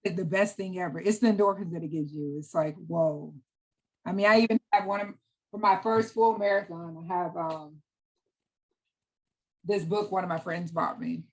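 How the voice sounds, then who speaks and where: A woman's voice: fairly low pitch, moderate pace. Talkative middle-aged woman, enthusiastic. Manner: enthusiastic, talkative, repeats words when excited. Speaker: interview guest. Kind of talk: casual interview chat.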